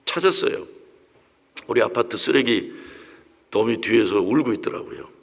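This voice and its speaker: A sixties-aged pastor with a gravelly, mid-range voice tells an emotional personal story in a sermon at a moderate pace, his intonation lively. He acts out the voices he quotes, and the church sanctuary gives the recording a long reverb.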